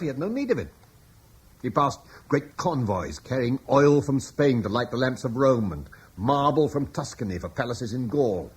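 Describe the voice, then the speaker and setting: In a classic radio drama, a male actor with a medium-pitched, slightly rough voice plays a Romano-British landowner. The character is earnest and eloquent, arguing persuasively in defense of Rome's legacy.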